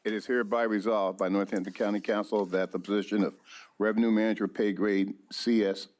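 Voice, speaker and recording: A man's voice: on the low side, little pitch movement, brisk, darkish tone. Tired-voiced man reading a council resolution. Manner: reads formal resolutions aloud, some self-corrections. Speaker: council member.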